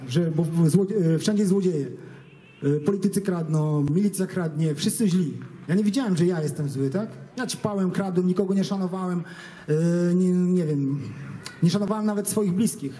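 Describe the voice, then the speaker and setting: A man giving an earnest, halting personal testimony to an audience, with many restarts, nervous before the crowd. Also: high voice, mellow. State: nervous, stage fright.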